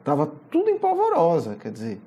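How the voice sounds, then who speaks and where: Lively Brazilian Portuguese spiritist lecturer. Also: mid-range voice, brisk, a little hiss or hum. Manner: animated storytelling, often tagging lines with a questioning aside. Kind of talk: religious lecture retelling a Gospel story.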